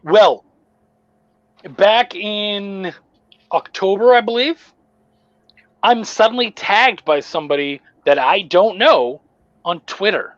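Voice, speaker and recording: A man's voice: high-pitched, slow, pauses often, no echo, dull audio. A man, a comic book writer guesting on a podcast, telling a story in casual chat with lots of swearing and restarts. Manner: profane, rambling, animated retelling with restarts.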